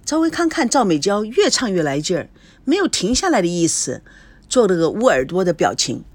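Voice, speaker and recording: A woman narrating a story in an expressive audiobook style. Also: medium pitch, brisk, dry recording. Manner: expressive storytelling, acts out the characters.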